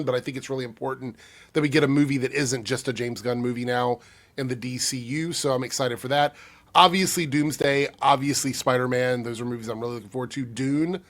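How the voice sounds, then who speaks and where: A man with a breathy voice, under the weather with a cold, talks casually to his online viewers. His pitch sits in a middle range. He answers comments in a loose, unscripted way, pausing and restarting as he thinks things through. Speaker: YouTube commentator.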